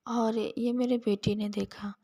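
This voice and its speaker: A woman in her thirties, an earnest devotee telling a personal dream story in a soft, storytelling voice that sometimes falls to a near whisper. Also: a little high, little pitch movement, unhurried, slightly rough, no echo. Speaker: devotee sharing a satsang testimony.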